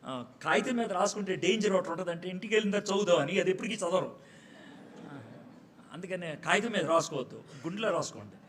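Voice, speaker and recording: A pastor preaching to his congregation in a loose, conversational way. He jokes and acts out little scenes as he goes. His voice sits rather high for a man. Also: lively intonation, quick pace, fairly bright tone, slight background noise. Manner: conversational and joking, acts out dialogue. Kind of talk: sermon. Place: church hall.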